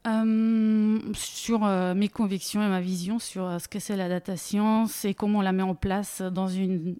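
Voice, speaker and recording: A woman from Bulgaria, whose first language is Bulgarian, is a guest on a casual interview, where she works as a data leader. She speaks a little slowly in a mid-range voice that is warm, clear, and resonant, with little pitch movement. Frequent laughter and many fillers run through her speech.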